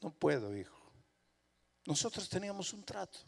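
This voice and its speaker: A man's voice: high-pitched, big pitch swings, normal speed, vocal fry, pitched above the performer's own voice, heavily acted. A man preaching a sermon, voicing a stern but loving mother scolding her young son in a firm, insistent tone. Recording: long hall reverb.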